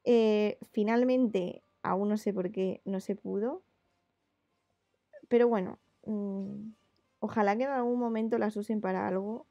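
Chatty woman with a gravelly voice. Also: medium pitch, steady tone, measured pace, mellow, no echo, highs cut off. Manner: chatty, rambling with many fillers. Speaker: illustrator. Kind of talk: casual chat while drawing live.

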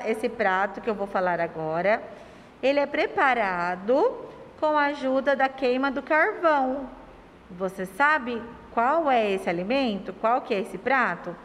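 A Brazilian woman teaching a remote lesson to young children keeps posing affectionate questions, her slightly high voice sing-song as she slowly drags out words and syllables. Faint background noise and a long room reverb can be heard.

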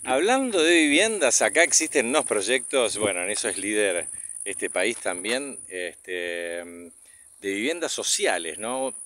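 A man's voice: lowish voice, lively intonation, a little slow, bright, forceful tone, no echo. A man with a Rioplatense Argentine accent, a father filming a casual vlog as he walks, talking to camera and to his child. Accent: Rioplatense Argentine Spanish. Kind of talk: casual narration and chat with a child. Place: outdoors, walking along a path. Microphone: handheld camera or phone, held by speaker. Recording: outdoor recording with clear background noise.

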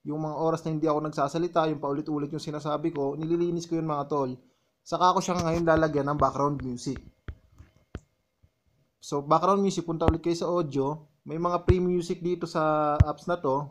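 A man's voice: fairly high pitch, steady tone, fairly quick, a little hiss or hum. A man giving a casual tutorial voice-over, walking viewers step by step through editing his vlog. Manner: walks viewers step by step, often calling them "mga tol". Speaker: vlogger explaining his editing.

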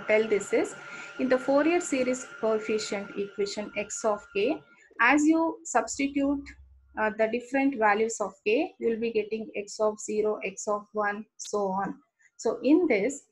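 A woman's voice: a little high, rough recording. A woman with an Indian English accent giving an engineering lecture, explaining step by step and often checking in with "okay". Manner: explanatory, frequent "okay" checks, repeats terms.

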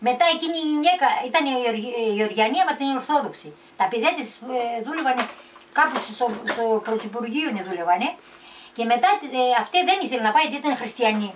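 An older woman telling a story from memory in a halting way, with many restarts and repeated words. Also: fairly high pitch, lively intonation. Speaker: storyteller recalling the past. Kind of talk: casual family storytelling. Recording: distant mic with faint background noise.

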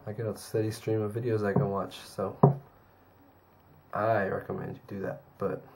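A young man talking to his own camera in a casual daily vlog, rambling with fillers, hoarse and tired from a cold. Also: little pitch movement, normal speed, heavy background noise. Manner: low-key, rambling with fillers. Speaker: vlogger.

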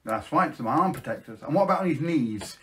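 A middle-aged man talking like a kids party magician, presenting tricks to camera and coaxing children to join in and shout along. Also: a little high, expressive, fairly quick. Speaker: children's magician, live show host. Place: small indoor room at home, facing camera.

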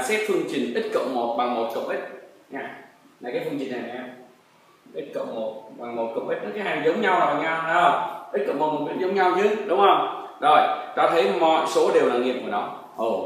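A man's voice: fairly high pitch, fairly quick, fairly bright tone. A man teaching a textbook math lesson, coaxing pupils along with frequent tag questions. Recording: very echoey room, distant mic, faint noise.

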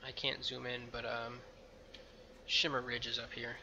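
A man's voice: mid-range voice, level tone, a little slow, gravelly, sharp tone, highs cut off, slight background noise. A man hosting a let's play, talking casually over his game with frequent ums and a loose, rambling manner. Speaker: gameplay video host. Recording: game music playing behind.

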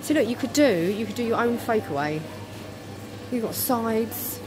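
Touring a large indoor farm shop with her handheld phone camera, a vlogger talks enthusiastically and exclaims at what she finds. Her voice is on the high side with lively intonation and a moderate pace, competing with loud background music and other noise.

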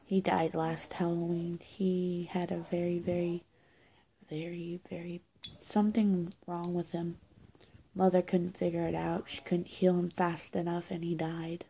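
A young adult woman makes a roleplay video, improvising as a friendly high-school-age good witch who talks softly, casually, and haltingly to the viewer, often sinking to a near-whisper with a flat delivery. She records in a small plain-walled room on a phone or webcam at arm's length, and the low-quality audio has a little hiss or hum.

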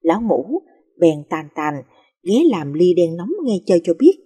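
A woman narrating emotional life stories in a soft, feeling storytelling manner. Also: on the low side, lively intonation, moderate pace, breathy edge.

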